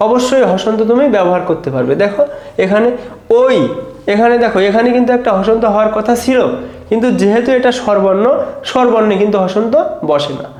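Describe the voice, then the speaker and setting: A man's voice: sits high, fast, darkish tone, echoey room. A man teaching an exam-prep grammar lesson. He explains patiently, step by step, and keeps telling students to look.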